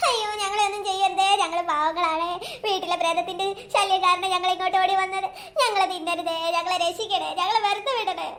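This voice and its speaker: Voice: extremely high pitch, steady tone, fast, sharp tone, exaggerated voice. A performer voicing a frightened young woman in a cartoon ghost story, pleading and wailing dramatically.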